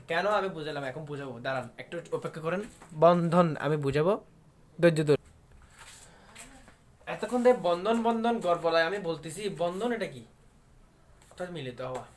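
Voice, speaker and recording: A man teaching an online exam-prep lesson, emphatic and repetitive, often asking his viewers whether they follow. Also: on the high side.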